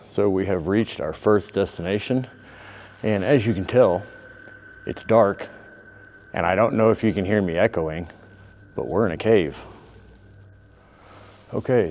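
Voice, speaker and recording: Hiking dad vlogger with a lowish voice, casual and amazed, echoing in a huge cave. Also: male voice, unhurried, long pauses, darkish tone. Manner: easygoing, amazed tour-guide chatter. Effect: cave echo. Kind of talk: casual outdoor vlog narration. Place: inside a large dark undeveloped cave.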